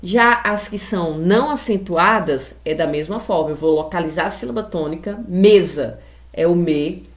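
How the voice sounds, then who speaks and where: A Brazilian woman teacher with a Brazilian Portuguese accent, giving a video lesson to children. She talks straight to the class, slowly and emphatically, and stretches out her example words. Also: medium pitch.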